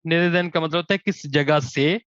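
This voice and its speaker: Here a man with a somewhat high, fairly bright, smooth voice teaches grammar, lingering slowly on every example word between brisk explanations. It's a close, dry recording without room sound, and the tone comes across slightly dull and lo-fi.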